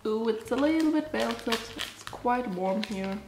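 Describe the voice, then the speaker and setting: A slightly high, expressive voice belongs to a young German woman whose allergies have blocked up her nose; she chats casually while tasting snacks for her vlog, rambling with plenty of "like" and "um." Her pace is measured. The small indoor cottage room echoes, background noise is present, and a camera films her close from the front.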